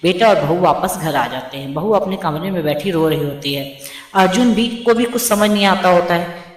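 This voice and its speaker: A woman's voice: on the low side, moderate pace. Woman narrating a story, echoey room. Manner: steady, even storytelling. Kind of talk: scripted narration. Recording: roomy with long reverb.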